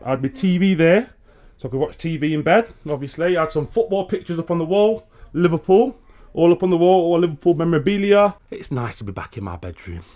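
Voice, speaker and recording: A man's voice: on the high side, lively intonation, fast talker, lo-fi sound. A middle-aged British man chatting casually and teasingly for a family vlog. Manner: playful, teasing. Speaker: vlogging father. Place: small furnished rooms of a house, later inside a car. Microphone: handheld camera at arm's length. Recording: faint background noise, handheld camera.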